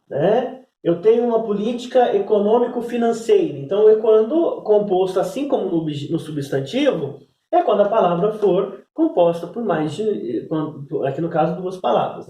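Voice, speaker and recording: A man's voice: sits high, expressive, normal speed, mellow, reverberant, distant mic. A man teaching a class, explaining step by step and checking in with "né?" as he goes. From Brazil. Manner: explanatory, repeats "né?" and "então". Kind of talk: recorded class lesson.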